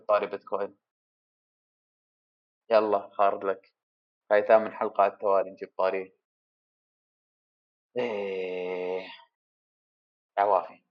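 A man's voice: fairly low pitch, muffled recording. A man hosting a solo podcast, rambling and self-deprecating as he thinks aloud. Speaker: podcast host. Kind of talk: casual solo podcast monologue.

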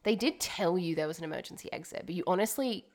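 A young woman co-hosting a podcast, telling a long story in a rambling, animated way full of fillers. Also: on the low side, fast talker. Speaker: podcast co-host. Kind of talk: casual chat, storytelling. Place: home dining room.

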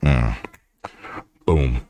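A man's voice: extremely low pitch, very slow, mellow. A man preaching a podcast sermon, earnest and exhorting, often repeating phrases and asking "right?".

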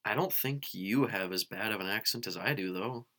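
Low gravelly man, dry crude joker. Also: normal speed, pushed and bright, a little hiss or hum. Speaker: podcast co-host. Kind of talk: casual sports chat.

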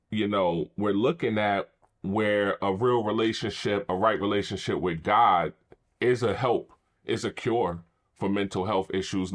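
A man hosting a podcast, telling a candid personal testimony with animated, preacher-like energy. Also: lowish voice. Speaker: podcast host.

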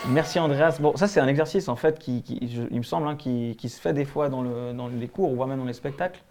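A man's voice: mid-range voice, a little fast, music in the background. A man with a Swiss French accent hosting a live-stream talk show, rambling with many fillers. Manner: rambling, hesitant, lots of fillers. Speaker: host.

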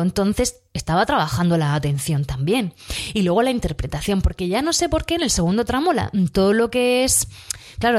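A woman teacher with a cough, telling about a classroom project in a casual, animated and amused way. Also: medium pitch. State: has a cough. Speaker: primary school teacher.

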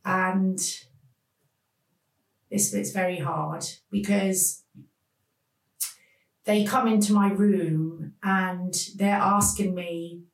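A woman tells a painful personal story as a podcast guest, speaking haltingly with many pauses. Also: lowish voice, steady tone, distant mic. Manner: slow, halting, emotional retelling with many pauses. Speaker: podcast guest telling her life story. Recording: roomy sound, voice off the mic.

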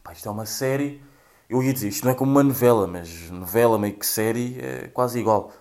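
A man's voice: medium pitch, fast talker, a little mellow. Profane young Portuguese man ranting. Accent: European Portuguese. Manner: profane, rambling, mocking. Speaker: host reacting to social media clips. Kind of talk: casual commentary.

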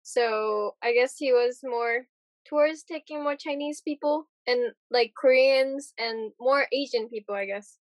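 A woman's voice: fairly high pitch, measured pace, no echo. A young woman from Japan chatting casually as a podcast guest, trailing off with fillers. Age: young adult. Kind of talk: casual conversation.

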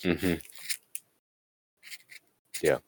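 A young man with a deep voice co-hosting a casual podcast, teasing with deadpan asides. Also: extremely slow, noisy background. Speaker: podcast co-host.

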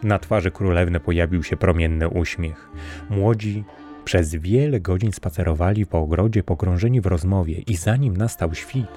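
A man narrating a fairy tale in a measured, steady storybook reading. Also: low-pitched. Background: faint music.

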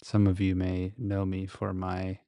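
A man's voice: deep voice, monotone, unhurried, dark tone, clean tone, no echo. A man recording a casual, reflective solo podcast monologue very close to the microphone, speaking in a hesitant, introspective way. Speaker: podcast host.

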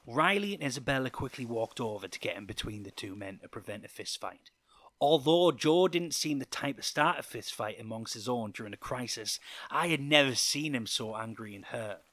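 A man reading a first-person story aloud as scripted narration, with an expressive delivery. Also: medium pitch, moderate pace, no echo.

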